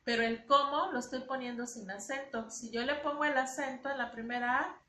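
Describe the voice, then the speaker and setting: A high-pitched woman gives a spoken lesson, explaining step by step and often repeating herself. Her voice rings in a reverberant room with a faint hiss behind it. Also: a little fast, pushed and bright. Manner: explanatory, repeats words while teaching. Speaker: teacher.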